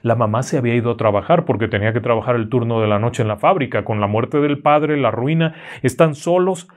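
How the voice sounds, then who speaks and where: A man narrating a horror story in a slow, dramatic way. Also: medium pitch.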